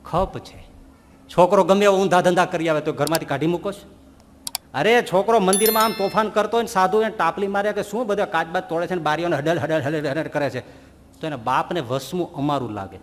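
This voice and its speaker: High-voiced preacher in a reverberant hall. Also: male voice, brisk. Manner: animated storytelling, rhetorical questions, voices quoted figures. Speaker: Swaminarayan preacher. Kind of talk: sermon.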